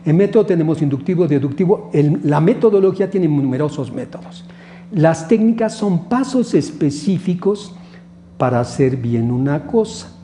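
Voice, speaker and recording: A man's voice: on the high side, expressive, normal speed, dark tone, a little hiss or hum. A man with a Mexican Spanish accent teaching research methodology in a recorded lecture, asking questions and answering them himself. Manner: didactic, asks rhetorical questions and answers them. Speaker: instructor.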